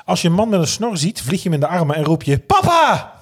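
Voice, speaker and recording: Playful dutch podcast guy, slightly high husky voice, swoops all over. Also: very fast. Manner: joking, playful, expressive. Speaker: podcast co-host. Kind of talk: casual chat.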